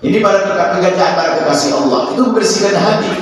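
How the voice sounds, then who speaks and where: Male preacher, animated sermon, voices the people he quotes; distant mic, long hall reverb. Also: sits high, racing, a little hiss or hum. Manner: animated, acts out quoted prayers and neighbors. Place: large mosque hall. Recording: echoey hall, far from the mic.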